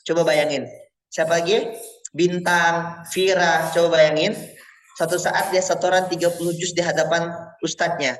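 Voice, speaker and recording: A man preaching in a mosque, animated and full of rhetorical questions, calling on listeners by name. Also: fairly high pitch, slight background noise, low-quality recording. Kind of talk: Islamic study sermon on parenting.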